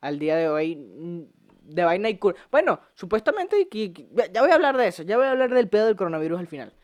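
This podcast host is a young man with a Venezuelan accent, speaking fast in a high, sing-song voice from a home studio. His casual storytelling is profane and jokey, and he laughs a lot.

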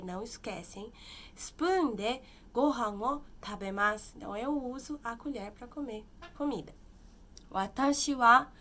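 A woman with a somewhat high voice teaching a Japanese lesson. She explains patiently, repeats example phrases slowly and emphatically, and keeps checking in with her listeners. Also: a bit bright. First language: Portuguese. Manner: frequent "né?" and "tá bom?" tag questions. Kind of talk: online language lesson.

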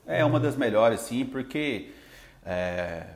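A Brazilian man who teaches English, talking in a relaxed, rambling way with lots of fillers. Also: mid-range voice, slow pace, roomy sound. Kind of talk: casual podcast chat.

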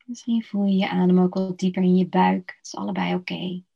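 A woman guiding a slow body-scan relaxation meditation in a soft, soothing voice with long pauses. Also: lowish voice, little pitch movement, gravelly, husky. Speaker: meditation guide. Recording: dull lo-fi recording.

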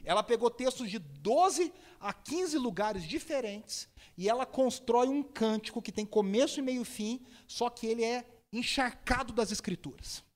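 A man preaching a sermon, telling stories lively and imitating people with sudden high shouts. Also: moderate pace, few pauses.

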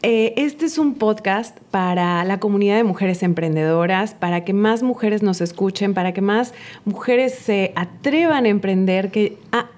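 A woman's voice: medium pitch, moderate pace, darkish tone. Host: Mexican woman, eager and welcoming, interview podcast. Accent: Mexican Spanish.

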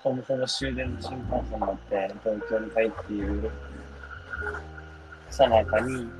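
A man's voice: fairly low pitch, fairly even intonation, unhurried, music in the background, low-quality recording. A tired man hosting a casual podcast chat, recorded aboard a moving train. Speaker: podcast host.

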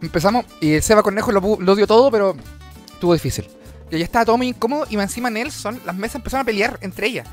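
A man with a Chilean accent, a comedian hosting a casual show, telling stories in an animated, slangy and profane way. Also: high-pitched, very fast, faint music behind. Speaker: comedian host.

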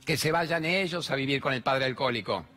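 A man's voice: medium pitch, brisk, sharp tone. A man in his fifties with a Rioplatense accent, hosting a talk show and giving blunt, crude, provocative advice, acting out other people's words. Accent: Rioplatense Spanish. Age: 50s. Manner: acts out quoted voices. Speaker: host answering audience questions.

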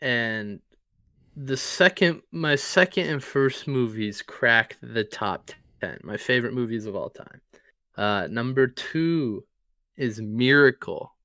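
Man, podcast co-host, casual movie chat, rambling, smooth clear voice. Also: medium pitch, slow, no room sound, clean studio sound. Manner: relaxed, rambling, with fillers and swearing.

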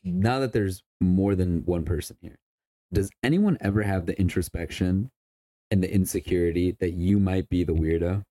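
A man's voice: low voice, normal speed, dark tone, no echo. A young man co-hosting a podcast in casual chat, crude and boastful, swearing a lot. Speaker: podcast co-host.

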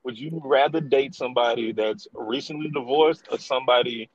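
A man's voice: mid-range voice, normal speed, husky, no room sound, dull audio. A man co-hosting a podcast in casual, slangy chat, his voice coming through a thin tin-can remote line. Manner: laid-back, slangy. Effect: thin tin-can sound over a remote line. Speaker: podcast co-host.

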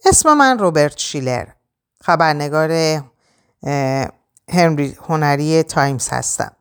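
A man's voice: a little high, animated, fairly bright tone, smooth. A woman narrator voicing a polite, hesitant male newspaper reporter calling on the phone. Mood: apologetic.

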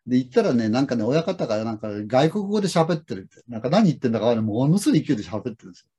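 A man's voice: mid-range voice, big pitch swings, racing, mellow, breathy edge. A middle-aged man hosting a talk on lessons, telling stories in a reflective, rambling way with many fillers. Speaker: lesson host. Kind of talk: casual conversation.

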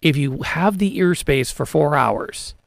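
A man's voice: fairly high pitch, a little slow, vocal fry, no echo, studio quality. A man in casual chat, telling game stories with lots of enthusiasm and restarts. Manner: enthusiastic storytelling with many restarts. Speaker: podcast co-host, game master. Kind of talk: casual chat about tabletop gaming.

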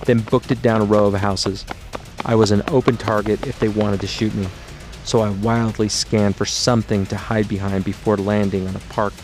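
A man narrating his own memoir as an audiobook in a steady, low-key storytelling delivery.

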